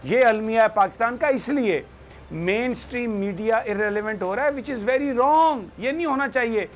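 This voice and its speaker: A man's voice: very high voice, normal speed, a little hiss or hum. A man giving heated political commentary as a guest analyst, slipping into English phrases. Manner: impassioned, switches into English phrases.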